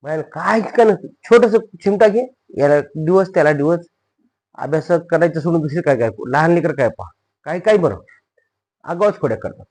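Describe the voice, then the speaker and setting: Guy teaching english phrases, bit high voice, super animated, slows down to repeat stuff. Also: poor audio. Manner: repeats phrases slowly, lively. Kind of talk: spoken English lesson.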